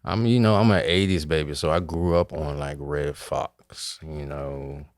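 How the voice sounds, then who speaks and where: A man's voice: rumbling low, steady tone, a little slow, no room sound, clean studio sound. A man in his forties, a comedian guest, chatting easily and telling stories, saying "man" a lot. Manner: easygoing storyteller, says "man" a lot. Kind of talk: casual chat.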